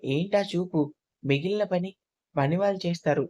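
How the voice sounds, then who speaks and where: A man's voice: high voice, normal speed, dark tone, close to an everyday voice. A woman reading as a stern young husband. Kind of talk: audio story reading.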